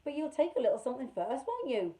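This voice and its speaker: A woman's voice: high voice, sing-song, quick pace, mellow, pitched above the performer's own voice. A woman reading aloud and voicing a kindly, motherly farmhouse woman who speaks soothingly. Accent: throaty non-Welsh.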